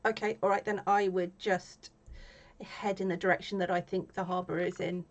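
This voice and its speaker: A woman's voice: fairly low pitch, little pitch movement, normal speed, lo-fi sound. A woman in casual game chat, tentatively describing her character's actions aloud as a player.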